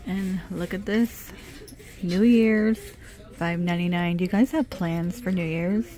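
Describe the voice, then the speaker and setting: A woman's voice: on the low side, unhurried, warm tone. A middle-aged woman narrating a casual shop-with-me vlog in a department store, reading out product names and prices as she browses. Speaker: shopping vlogger. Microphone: handheld phone camera.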